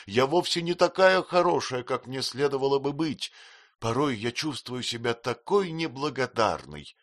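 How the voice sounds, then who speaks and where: A man's voice: mid-range voice, big pitch swings, a little slow, fairly bright tone, voice pushed up. A man reading an audiobook voices a tearful, childlike young woman who sobs and pleads. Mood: sobbing remorse. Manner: sobbing, pleading.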